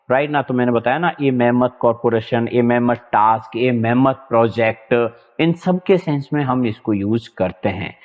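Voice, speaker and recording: A man teaching English vocabulary in an online exam-prep lecture, spelling words letter by letter and stretching out his example sentences while he keeps asking if it is clear. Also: mid-range voice. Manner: keeps checking in with "right na" and "is that clear". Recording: tinny, phone-like sound with a long hall echo.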